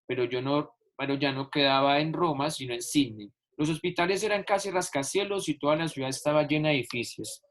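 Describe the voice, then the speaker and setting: A man with a slightly high voice teaches a lesson over a video call, speaking briskly with hardly any pauses. Even so, he patiently stretches out key words and repeats examples as he explains the online class material.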